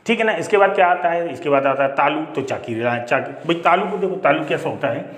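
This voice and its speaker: A man lecturing as a teacher, his voice sitting a little high. He explains patiently, poses questions and answers them himself, and repeats the key points. The sound carries a roomy classroom echo. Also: lively intonation, quick pace, fairly bright tone. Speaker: Hindi teacher.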